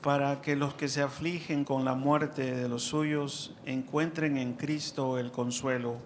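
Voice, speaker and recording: A man speaking as a priest at Mass, in a measured, solemn way with pauses between short phrases. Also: medium pitch, little pitch movement, a little hiss or hum. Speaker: priest preaching and leading prayers at Mass. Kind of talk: sermon and liturgical prayer. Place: church during Mass.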